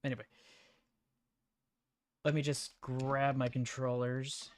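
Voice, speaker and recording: A woman's voice: very deep voice, flat delivery, slow pace, darkish tone. A woman casually chatting while she streams a video game, playful and a bit silly. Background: faint background game music.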